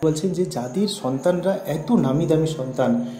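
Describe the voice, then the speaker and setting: A man's voice: fairly high pitch, moderate pace, mellow, roomy sound, a little hiss or hum. A man teaching a poem line by line, asking questions and answering them himself. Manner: asks and answers his own questions.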